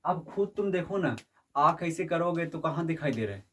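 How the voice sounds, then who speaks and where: A man's voice: on the high side, animated, normal speed, bright, forceful tone, slight background noise. A man teaching a physics lesson, constantly asking his students questions and checking that they follow. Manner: quizzes students with repeated questions and checks understanding. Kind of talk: classroom lecture. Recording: voice from a distance.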